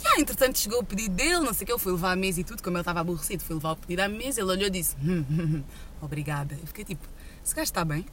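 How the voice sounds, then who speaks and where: A woman's voice: medium pitch, very fast, few pauses, a little hiss or hum. A young woman with a European Portuguese accent, co-hosting a podcast and telling work stories in casual chat, acting out what people said. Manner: animated storytelling, acting out quotes. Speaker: podcast co-host.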